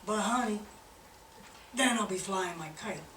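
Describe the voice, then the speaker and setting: A woman voicing a sly, smooth-talking husband with a laid-back folksy drawl, recorded from afar in a roomy hall. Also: mid-range voice, unhurried, noisy background, close to an everyday voice. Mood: smug. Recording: roomy hall, far-off camera.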